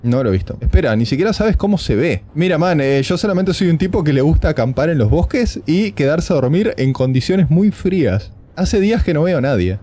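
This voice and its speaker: A man voicing a grumpy, suspicious male camper in the woods, reading game dialogue aloud with blunt, gruff lines. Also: fairly high pitch, very animated, fairly quick, few pauses, mellow. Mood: gruff, wary.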